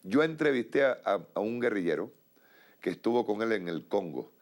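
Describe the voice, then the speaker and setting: A man's voice: on the low side, big pitch swings, normal speed. A middle-aged man hosting a political TV show, talking in a rambling, emphatic monologue full of restarts. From Venezuela. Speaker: TV show host.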